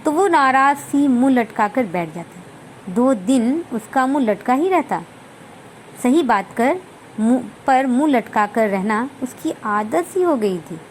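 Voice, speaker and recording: High-voiced woman reading a story aloud. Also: a little hiss or hum, low-quality recording. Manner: measured, expressive reading. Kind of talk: scripted story narration.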